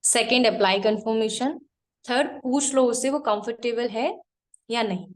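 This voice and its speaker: A woman trainer teaching a live online class, giving direct instructions and repeating her points slowly so students can write them down. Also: fairly high pitch.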